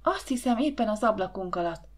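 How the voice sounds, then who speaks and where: A playful, lovestruck teenage girl, as a woman narrator puts her on in a storybook reading. She speaks in breathless, eager whispers, pitched a little higher than the reader's own voice. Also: lively intonation, close to an everyday voice. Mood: excited whispers.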